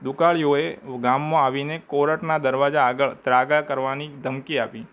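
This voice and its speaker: A man reading a short story aloud in a measured way, sometimes stopping to restart a word. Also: medium pitch, fairly even intonation, a bit bright.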